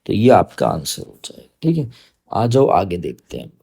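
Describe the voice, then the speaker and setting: A man in his thirties with an Indian English accent teaching exam vocabulary. He explains slowly, spells words out letter by letter, repeats phrases and mixes Hindi with English. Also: low voice, wildly swooping pitch, vocal fry, dark tone, slightly rough. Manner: mixes Hindi and English, checks in with "theek hai". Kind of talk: exam-prep vocabulary lesson.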